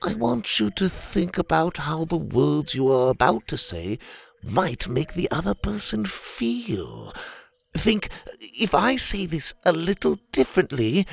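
A man voicing a polite, patient male orangutan who speaks formally and gently in a storybook reading. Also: a little high, gravelly, slightly rough, pitched above the performer's own voice, full character voice.

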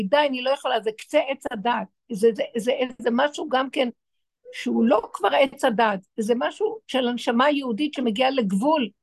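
A high-pitched woman gives a religious talk to a group of women. She speaks emphatically and keeps asking rhetorical questions. The recording is dry and close, with no room sound. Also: gravelly, no room sound. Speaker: spiritual teacher.

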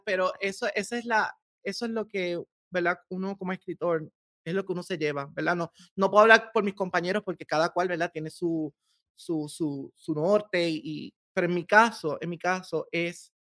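A man, an author being interviewed on a podcast, talking in an animated and emotional way. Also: sits high, moderate pace, no room sound, clean studio sound. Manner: emotional, animated, laughs often. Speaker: author guest.

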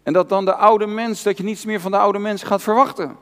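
Earnest Dutch-speaking preacher in a reverberant church. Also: male voice, sits high, steady tone, a little fast, a bit bright. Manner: earnest, personal preaching with repeated emphatic phrases. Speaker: pastor. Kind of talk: sermon. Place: church hall.

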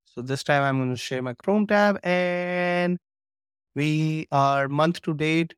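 A man's voice: fairly high pitch, takes it slowly, clear, resonant tone, dry recording, studio quality. A man talking as an interview guest over a video call, eagerly walking through his material step by step. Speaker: guest course creator. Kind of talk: casual interview chat.

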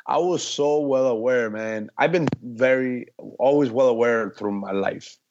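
A man in a loose, casual chat, telling his stories with lively swings and a mid-range voice. He tosses in "man" and curses as he goes, and the recording has a slightly dull, muffled sound. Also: mid-range voice, unhurried. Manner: animated storytelling, says "man" often, swears.

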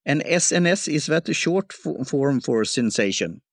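A man hosts a podcast interview, his voice gravelly and recorded close and dry. He talks haltingly, restarting phrases as he searches for words. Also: on the high side, lively intonation, no room sound. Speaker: podcast host. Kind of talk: casual interview.

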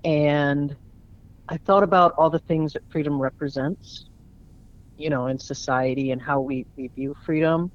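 A man with a voice a little higher than most men's reads his short story aloud in an earnest, reflective way. The recording sounds dull and lo-fi. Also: steady tone, unhurried. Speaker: guest author. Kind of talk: spoken word story reading.

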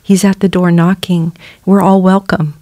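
A woman's voice: lowish voice, level tone, normal speed, warm tone. A middle-aged woman giving an earnest personal testimony as a guest on a church podcast, acting out the voices she quotes.

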